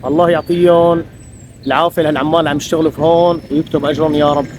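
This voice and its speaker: A man's voice: on the high side, little pitch movement, rapid-fire. A man with a Syrian Arabic accent chatting casually as a street vlogger, addressing viewers and locals. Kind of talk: casual street vlog chat. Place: outdoors on a town street. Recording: clear traffic noise, outdoor street.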